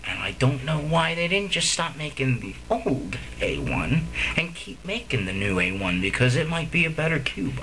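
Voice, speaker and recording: A man's voice: mid-range voice, noisy background. A man giving a casual, rambling video review of puzzle cubes, swearing freely and getting easily worked up. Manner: rambling, profane, easily agitated, full of fillers and restarts.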